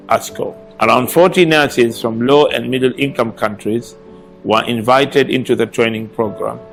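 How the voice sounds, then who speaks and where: Gravelly male voice-over narrator. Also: mid-range voice. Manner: even, formal reading. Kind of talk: scripted narration. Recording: voice-over with guitar music.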